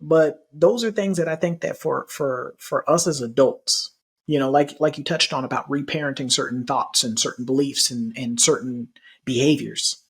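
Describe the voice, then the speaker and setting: A man co-hosting a podcast in casual reflective chat, measured, repeating phrases for emphasis. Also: mid-range voice, slightly rough. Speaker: podcast co-host.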